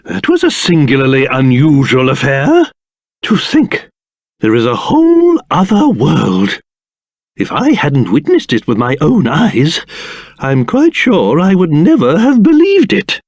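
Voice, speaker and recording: Posh british old king for a video game, blustery and excitable, draws words out slowly, really dry studio sound. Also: high-pitched, dry recording, full character voice. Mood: musing, pleased. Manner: theatrical, blustering, old-fashioned posh phrasing. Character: pompous, excitable, fatherly old king, easily outraged. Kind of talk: video game character voice acting.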